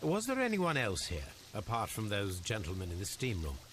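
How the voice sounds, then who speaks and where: Brief: a composed detective, lowish voice, lively pitch. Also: male voice, moderate pace, slight background noise. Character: the great detective, calm and measured.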